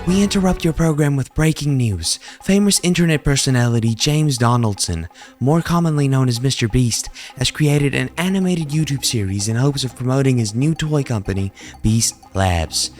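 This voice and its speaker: A man's voice: mid-range voice, animated, normal speed, faint music behind, close to an everyday voice. A man playing an earnest TV news reporter in a mock breaking news broadcast, formal with exasperated asides. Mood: formal, announcing. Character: earnest TV news anchor and flustered field reporter in skit.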